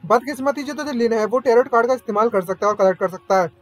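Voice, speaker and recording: A man's voice: very high-pitched, fast talker. A man voicing a proud scheming female villain queen in a storybook recap, haughty and indignant.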